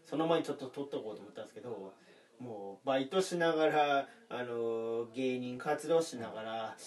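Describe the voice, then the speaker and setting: A man's voice: medium pitch, a little fast, darkish tone, recorded from a distance. A man in his thirties from Aomori with a faint Aomori intonation mixed with Nagoya traces, a comedian rambling through stories in casual podcast chat and laughing often. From Aomori, Japan. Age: 30s. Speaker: comedian co-host.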